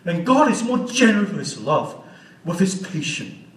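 A man's voice: high-pitched, big pitch swings, moderate pace. A man of sixty giving an unscripted church teaching as a guest speaker, earnest and often asking the audience questions. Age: 60s. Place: church hall. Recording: roomy hall audio from a distance.

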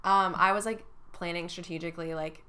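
A woman's voice: lowish voice, steady tone, brisk, bright, forceful tone, clear, resonant tone. A woman in her twenties from the southern United States, co-hosting a podcast in a blunt, rambling casual chat full of "like". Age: 20s. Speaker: podcast co-host.

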